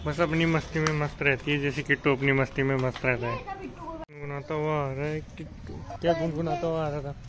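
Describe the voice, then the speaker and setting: A man's voice: on the high side, lively intonation, a little fast, music in the background. A man filming a casual family vlog on a handheld phone, playfully quizzing and teasing young children. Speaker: family vlogger.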